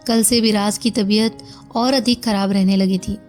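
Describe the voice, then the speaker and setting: A woman narrating a story in a calm, measured reading. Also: medium pitch, faint music behind.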